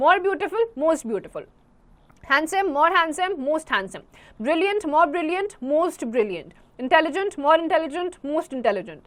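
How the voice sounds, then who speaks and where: Woman teacher with an Indian English accent, high pitch, slow and careful grammar lesson delivery. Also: fairly bright tone. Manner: reads English text slowly, then explains quickly in Hindi. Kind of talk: grammar lesson for school students.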